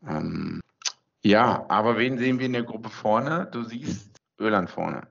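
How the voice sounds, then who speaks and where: A man hosting a casual podcast chat, hesitant with many fillers, heard through a low-quality recording. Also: animated, a little slow, gravelly, fairly bright tone. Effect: low-quality, muffled recording. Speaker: podcast host. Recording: muffled lo-fi recording away from home.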